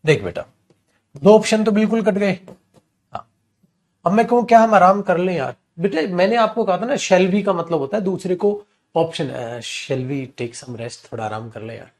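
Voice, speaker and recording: Indian male teacher, higher-pitched voice, talkative and playfully teasing with the class. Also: moderate pace, a little mellow. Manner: chatty and teasing, calls students beta. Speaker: English teacher. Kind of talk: live online class in Hindi.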